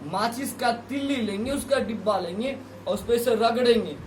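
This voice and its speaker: High-voiced male physics teacher in echoey classroom. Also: moderate pace, a little hiss or hum. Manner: repeats key terms, asks students questions. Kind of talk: classroom lesson. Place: classroom with students. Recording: echoey room, voice from a distance.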